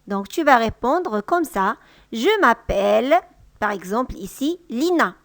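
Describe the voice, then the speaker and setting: A woman with a high voice gives a language lesson at an unhurried pace. She says each model phrase twice, a touch louder. The sound is dry and close to the mic. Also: big pitch swings, no room sound. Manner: patient, repeats example sentences slowly and louder. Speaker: French teacher. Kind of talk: slow, clear language lesson.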